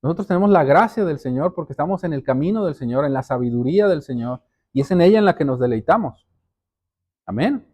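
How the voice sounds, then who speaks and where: A male pastor delivers a sermon in a mellow, warm voice that sits a bit high for a man. He preaches earnestly and talks straight to his listeners. He often repeats words while he builds toward a point. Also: expressive, fast, husky. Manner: addresses listeners directly as brothers and sisters.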